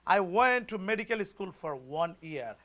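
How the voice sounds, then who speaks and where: A Bangladeshi man in his forties, running for party chair, gives an emphatic, rousing campaign speech at a political forum in a Bangladeshi accent. His voice is high, sharp and sing-song, and he takes his time while leading the crowd in call-and-response.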